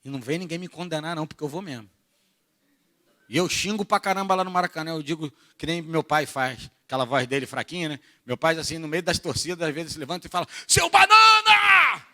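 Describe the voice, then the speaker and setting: Male pastor with a Rio accent, bright, slightly high voice, lively sermon with loud bursts. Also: quick pace. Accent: Rio de Janeiro Portuguese. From Brazil. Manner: animated, jokey, swings from soft asides to shouted bursts. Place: church retreat.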